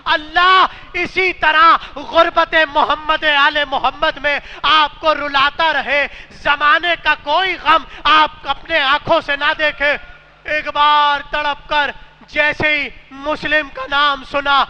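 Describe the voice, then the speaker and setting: A man preaching a mourning sermon, telling a sad story softly and then rising into loud, wailing cries. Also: very high voice, little pitch movement, muffled recording. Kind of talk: majlis sermon, recited with rising lament. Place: large mosque hall. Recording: echoey hall with faint noise.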